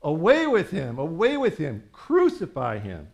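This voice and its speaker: A man reading aloud, voicing an angry crowd that shouts its demands in loud chants. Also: mid-range voice, sing-song, measured pace.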